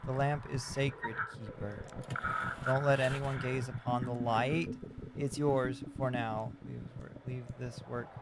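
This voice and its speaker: A man's voice: medium pitch, fairly even intonation, a little slow, vocal fry, very noisy. A man voicing a menacing, mysterious stranger who gives ominous warnings in a video game. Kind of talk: video game character voice read aloud by streamer.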